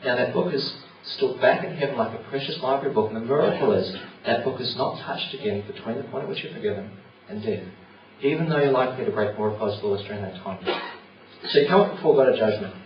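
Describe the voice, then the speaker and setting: A man's voice: mid-range voice, fast, crowd noise. A man giving an earnest, conversational evangelistic talk in a church, with many "you know" fillers. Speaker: church speaker. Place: church hall. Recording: roomy, distant, dull with noise.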